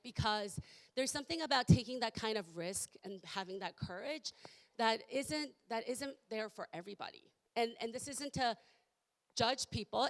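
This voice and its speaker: A woman with a hoarse, croaky voice speaking candidly on a conference panel as an executive director, talking in a conversational way with many fillers. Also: fairly high pitch, fairly bright tone.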